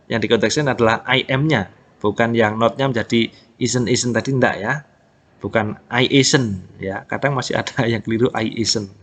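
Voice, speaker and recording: A man with an Indonesian accent teaching an online English lesson, slowly drawing out example sentences for learners to repeat, then explaining briskly. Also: medium pitch, fairly even intonation, fairly bright tone. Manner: slow, drawn-out model sentences, brisk explanations.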